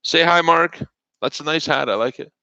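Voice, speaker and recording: A man hosts a live trading stream, joking and chatting with viewers between market numbers. His voice is bright and forward. It sounds dry and slightly muffled, like lo-fi stream audio. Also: on the high side, moderate pace, vocal fry, clear, resonant tone, dry recording. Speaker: stock trading show host. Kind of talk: live market commentary, casual.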